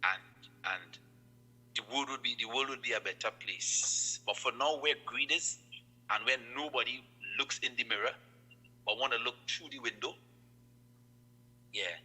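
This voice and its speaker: A man's voice: mid-range voice, normal speed, long pauses, poor audio. A Trinidadian man, a guest on an online chat, talks casually and earnestly about love and staying positive, repeating his phrases. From Trinidad and Tobago. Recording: loud music behind.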